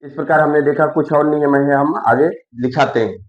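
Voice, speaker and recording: A man teaching students a lesson, slowly restating each rule twice and spelling words out letter by letter. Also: fairly high pitch, steady tone. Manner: slow, repetitive, explains each rule twice. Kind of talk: classroom lesson. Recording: echoey room, dull lo-fi sound.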